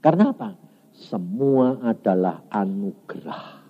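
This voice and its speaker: A man's voice: lowish voice, unhurried. A man preaching a sermon in a Javanese-tinged Indonesian accent, telling a story and acting out the dialogue. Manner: animated, acts out dialogue in changing voices. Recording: dull, echoey church hall recording.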